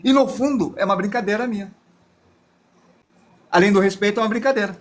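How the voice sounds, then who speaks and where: A man leads a live drawing class. His voice sits fairly high for a man. He talks in a loose, chatty way and thinks aloud as he draws. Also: fairly quick. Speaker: drawing teacher. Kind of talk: live drawing lesson with chat asides.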